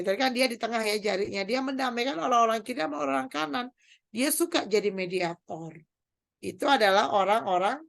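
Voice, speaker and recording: A woman doctor giving a chatty parenting seminar, lively and acting out quoted voices as she explains. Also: medium pitch, vocal fry.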